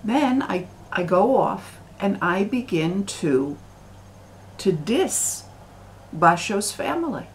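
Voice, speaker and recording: An American woman talking to camera in a slow, deliberate monologue, full of pauses and fillers. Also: medium pitch, sing-song, a little hiss or hum, poor audio. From United States. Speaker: video commentator.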